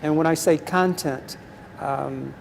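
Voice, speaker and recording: A man in his seventies, an artist talking in a gallery conversation in a measured, reflective way, pausing with ums. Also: a little high, steady tone, vocal fry. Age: 70s. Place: large art gallery. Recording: reverberant gallery with faint noise.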